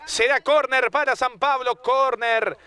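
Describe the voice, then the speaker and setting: A man's voice: extremely high pitch, steady tone, unhurried, pushed and bright. A man calling a football match live, play by play.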